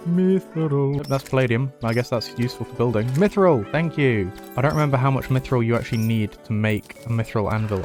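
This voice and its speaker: A man's voice: mid-range voice, darkish tone. Casual gamer man, self-mocking running commentary, wry sarcastic asides, faint music underneath. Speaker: gaming YouTuber.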